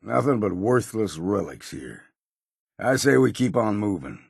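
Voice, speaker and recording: A male actor playing a grizzled old hunter in a video game, folksy and wary, with gruff good humor and a gravelly voice. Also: lowish voice, very animated, unhurried, no echo, studio quality, exaggerated voice. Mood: disdainful, grumbling. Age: older. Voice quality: gravelly, husky. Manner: folksy, drawling old-timer phrasing. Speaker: video game companion character. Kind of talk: scripted game voice lines.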